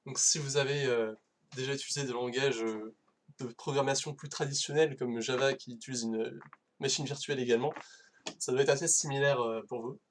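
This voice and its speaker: A man's voice: medium pitch, steady tone, fairly quick, slight background noise. A man giving a casual live-streamed technical talk, hesitant, with many fillers and restarts. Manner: casual, self-deprecating. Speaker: conference speaker.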